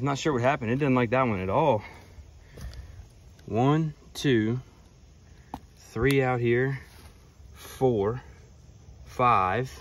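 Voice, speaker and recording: A young man hosting a casual shooting range vlog outdoors in a grassy field, laid-back, counting pellets out loud. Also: medium pitch. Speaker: outdoors channel host. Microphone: camera mic a few feet away. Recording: distant outdoor camera mic, faint insects.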